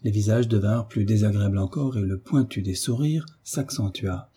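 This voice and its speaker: Man reading a novel aloud, super husky, dark mellow tone, steady. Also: on the low side, normal speed. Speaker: audiobook reader. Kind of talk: scripted narration.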